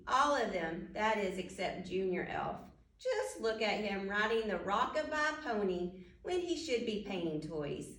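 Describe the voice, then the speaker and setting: Reading a storybook to young children, a woman with a slightly high, fairly bright voice talks straight to them and poses questions. The sound is echoey, picked up by a faraway mic.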